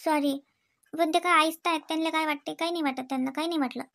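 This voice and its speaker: Lady doing a sulky young cartoon wife, high voice, keeps saying sorry. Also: steady tone, fast, vocal fry, fairly bright tone, faint music behind. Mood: apologetic. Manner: pleading, sulky, repeats sorry. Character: apologetic young wife Rashmi, sulky and pleading. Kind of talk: cartoon voice acting.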